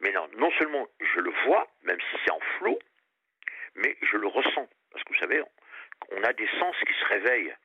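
Calling in to a radio program from La Réunion, France, an older man has a candid personal conversation, earnest and outspoken despite a muffled line. He has a lowish, sing-song voice with a breathy edge, at normal speed and recorded dry.

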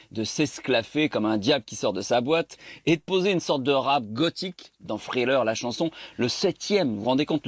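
A man's voice: mid-range voice, dry recording. A man presenting a playful, theatrical music chronicle on the radio.

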